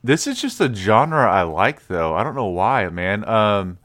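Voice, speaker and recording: A man's voice: on the low side, big pitch swings, measured pace, fairly bright tone. A man co-hosting a podcast, talking about films in an easygoing, enthusiastic, joking way. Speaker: podcast co-host. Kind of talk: casual movie review chat.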